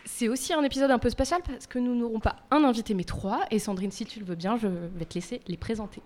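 A woman co-hosting a podcast on a live stage, presenting in a brisk, upbeat way. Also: a little high, noisy background. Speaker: podcast co-host. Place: live stage before an audience.

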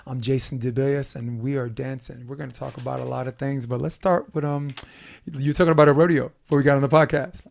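Gravelly Brooklyn man hosting a podcast. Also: mid-range voice, steady tone, fast, few pauses. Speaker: podcast host. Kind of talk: casual podcast chat.

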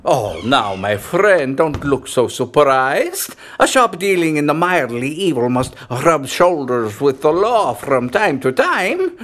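A man's voice: fairly high pitch, big pitch swings, fairly bright tone, exaggerated voice. A man playing a fussy, mildly evil doctor and shopkeeper, theatrical and pompous, in a comic audio drama. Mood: indignant. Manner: pompous, florid, dramatic drawn-out delivery. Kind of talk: comic horror-host audio drama monologue.

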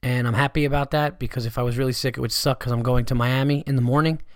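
A man speaks in a medium-pitched voice with a congested, stuffy nose, recorded close and dry. He rambles conversationally like a stand-up comic alone on his podcast, loose and unpolished, with the odd curse thrown in. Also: fairly even intonation, quick pace, dry recording. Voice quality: congested, stuffy-nosed from allergies. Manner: rambling, conversational, swearing freely. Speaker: stand-up comedian hosting a podcast. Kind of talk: casual podcast monologue.

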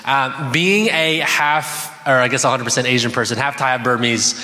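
A young man preaching as a pastor, energetic and calling out to the congregation. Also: medium pitch, normal speed. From United States. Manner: energetic, calls out to the crowd. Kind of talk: sermon. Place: church hall. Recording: echoey hall with music.

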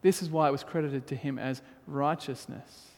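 A man's voice: mid-range voice, fairly even intonation, normal speed, darkish tone. A man preaching a sermon as pastor, reading scripture aloud and then pressing his points with rising emphasis. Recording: long hall reverb.

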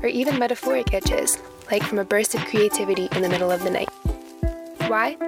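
Young midwest woman doing a scripted podcast, a bit of fry in her voice, wry and chatty. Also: on the high side. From American Midwest. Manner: chatty, wry and self-mocking. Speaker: podcast host.

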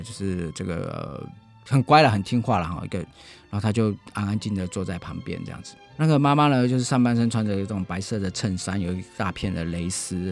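A man, a guest writer chatting in a relaxed storytelling way, often tagging sentences with a soft "ha". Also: sits low. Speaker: guest writer and magazine editor.

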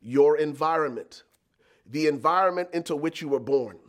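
A man's voice: fairly high pitch, normal speed. A middle-aged man from Liberia, preaching a sermon as pastor with emphatic, repeated lines and calls to the congregation.

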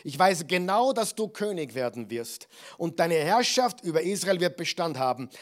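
Ein Prediger spielt den alten reuigen König Saul. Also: male voice, on the high side, big pitch swings, moderate pace, voice pushed up. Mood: imploring. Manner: raised, imploring. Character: old repentant King Saul, man.

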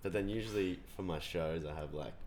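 Heavy background noise sits under this young adult Australian man's low, fairly quick voice. As a guest musician on a casual podcast, he rambles in a relaxed way, with frequent swearing and fillers.

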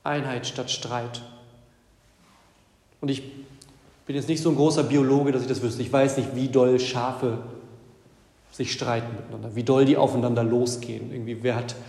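A man's voice: mid-range voice, steady tone, fast, vocal fry, dark tone. A man preaching a sermon as a pastor, talking in a conversational way with repeated phrases and little tag questions. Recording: echoey church hall with long reverb.

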